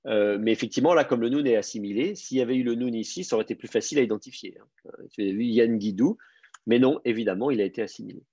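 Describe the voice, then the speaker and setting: A man teaching Hebrew in an online class, explaining patiently and repeating key words slowly. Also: medium pitch, warm tone, slightly rough, no echo, highs cut off.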